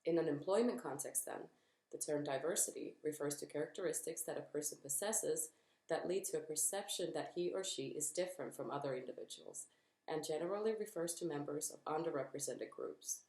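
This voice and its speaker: Low-voiced young woman reading formally. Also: a little mellow. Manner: measured, formal reading of definitions. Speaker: student presenter. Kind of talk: read group presentation. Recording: echoey room.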